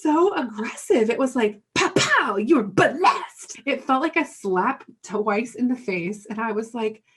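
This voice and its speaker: A woman in her thirties telling her own parenting story candidly, animated and often laughing. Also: a little high, husky. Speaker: podcast guest.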